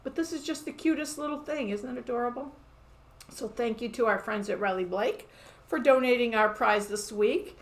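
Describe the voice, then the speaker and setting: A woman's voice: on the high side, normal speed. A woman hosting a casual live show-and-tell from her quilt shop, chatty and upbeat, laughing often.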